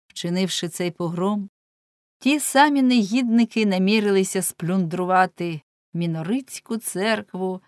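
A woman's voice: lowish voice, no room sound. Woman reading a novel aloud, dry. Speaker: audiobook reader. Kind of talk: scripted narration of a novel.

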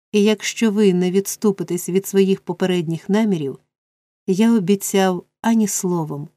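A woman's voice: on the low side, mellow, no room sound, natural voice. A woman voicing an earnest young man in love, pleading insistently in an audiobook reading.

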